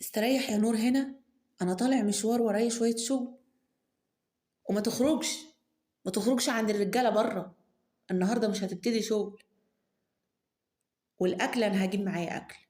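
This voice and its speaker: A woman's voice: medium pitch, steady tone, fast talker, pauses often, warm tone, echoey room, natural voice. A woman with an Egyptian accent voicing a proud, bossy young male businessman who scolds himself under his breath. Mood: stern, commanding. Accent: Egyptian Arabic. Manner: self-scolding muttering, sudden mutters under breath.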